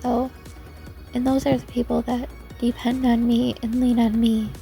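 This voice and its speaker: Woman podcaster, fairly high flat voice, soft hesitant reflective talk. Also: vocal fry, faint music behind. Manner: hesitant, soft-spoken, many pauses and restarts. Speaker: podcast host.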